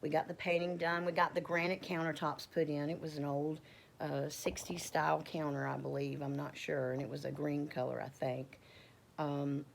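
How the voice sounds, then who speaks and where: Low-voiced middle-aged woman rambling heartfelt. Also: level tone, normal speed, gravelly, slight background noise. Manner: rambling, heartfelt, self-correcting. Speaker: homeowner telling a faith story. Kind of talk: casual personal testimony.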